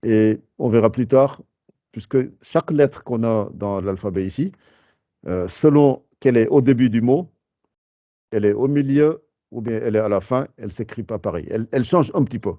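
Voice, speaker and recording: A man explaining a beginner's lesson in a patient, halting way, with frequent fillers and restarts. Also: medium pitch, no echo, lo-fi sound. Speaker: Arabic teacher.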